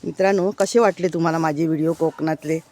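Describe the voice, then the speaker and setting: A woman's voice: low voice, steady tone, fast, mellow. A woman, chatting on a casual walking-tour vlog around her village house and yard outdoors, pointing things out to viewers as she goes. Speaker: village vlogger.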